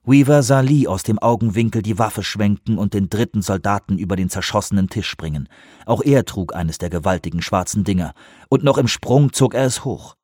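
A man with a low voice reads a thriller audiobook in a steady, tense manner. The recording is dry and close, with no room sound. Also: breathy edge, no echo. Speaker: audiobook narrator. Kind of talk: dramatic audiobook narration.

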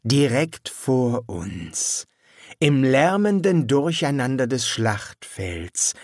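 Man playing a sardonic soldier, low and dry, slow, close mic. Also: sing-song, a little mellow, dry recording. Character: sardonic, cool young soldier speaking low.

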